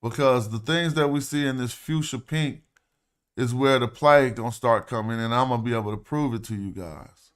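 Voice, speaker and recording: This male livestream host has a clear, resonant, mid-pitched voice and an ordinary pace. Chatting informally, he reasons out loud while going over hieroglyphic texts and their ancient Egyptian vocabulary.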